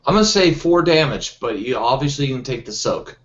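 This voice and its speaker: A man's voice: mid-range voice, expressive, a little fast. Hesitant man running a tabletop game. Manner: hesitant, thinking aloud with many restarts. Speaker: game master. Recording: dull lo-fi sound.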